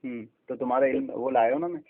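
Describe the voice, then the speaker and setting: A man's voice: mid-range voice, fairly even intonation. A man with an Indian Urdu accent in a heated religious debate, lecturing and accusing his opponent. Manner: accusing, lecturing, cites scholars. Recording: tinny phone line.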